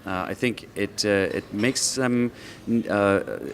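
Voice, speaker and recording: A man with a very low voice answers interview questions as a marketing executive on a judging panel. He speaks in a measured way with occasional fillers. Faint ambience from the room sits behind him. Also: slight background noise.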